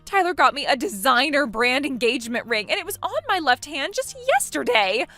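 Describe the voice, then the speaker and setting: Bratty younger sister in her twenties, woman actor, mocking and sneering, bright lively delivery, text-story drama. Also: high voice, a little fast, heavily acted. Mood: panicked. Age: 20s. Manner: mocking, laughs at others. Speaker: character in a voiced text story. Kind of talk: voice acting for a text-message story.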